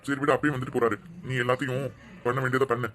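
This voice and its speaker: A man's voice: mid-range voice, little pitch movement, very fast, a bit bright, a little hiss or hum, lightly acted. A man doing a weary old cartoon grandfather. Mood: mournful. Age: older. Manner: soothing, mournful.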